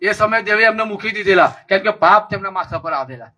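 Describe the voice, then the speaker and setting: A man's voice: high-pitched, lively intonation, fast, sharp tone. A man preaching a sermon with a passionate, repetitive cadence.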